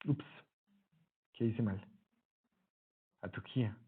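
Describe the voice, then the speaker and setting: Patiently explaining a Greek lesson on screen, this man corrects himself along the way, speaking expressively at normal speed in a mid-range voice. It sounds husky and narrow, as if over a phone.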